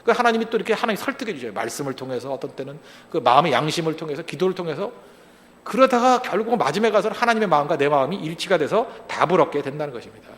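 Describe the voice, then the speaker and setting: A high-voiced man preaching quickly, his pitch leaping up and down as he throws rhetorical questions at the congregation. He acts out little quoted lines along the way, and his voice rings with the long reverb of a large hall. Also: lively intonation, fairly bright tone. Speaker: pastor. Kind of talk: sermon.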